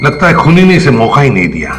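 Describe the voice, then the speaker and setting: An actor playing a police investigator examining a body, speaking in a measured, deliberating way. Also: male voice, mid-range voice, very animated, music in the background, close to an everyday voice. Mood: thoughtful. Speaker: investigating officer. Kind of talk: TV crime drama acting.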